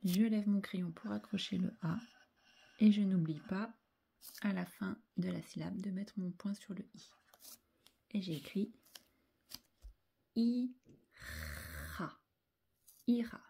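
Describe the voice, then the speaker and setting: Unhurried and fairly even in intonation, a woman teacher walks young children through writing syllables during a handwriting lesson. Her medium-pitched voice is mellow and a bit husky, and she often lowers it to a half-whisper to spell out each letter.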